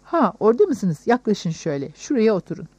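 A woman reading the part of a sarcastic, brusque middle-aged gentleman in an audiobook, with a deep, mocking voice, on a dull recording. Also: very animated, a little fast, husky, dry recording.

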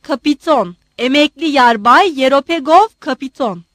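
A woman voicing a proud, blustering old male general who shouts in wounded indignation. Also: high voice, lively intonation, moderate pace, dry recording, studio quality. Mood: indignant shouting.

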